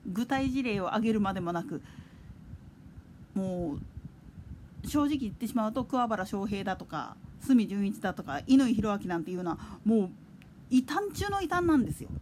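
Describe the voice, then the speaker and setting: A woman's voice: medium pitch, sing-song, moderate pace, slight background noise. A woman hosting a casual solo chat radio show, talking in a chatty, digressive way. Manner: chatty, digressive, with soft laughs. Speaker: podcast host.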